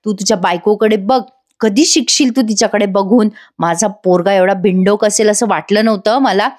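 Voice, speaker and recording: A woman's voice: medium pitch, normal speed, a little mellow, natural voice. A woman voicing a scheming mother who scolds her son sharply in a TV serial recap. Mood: scolding.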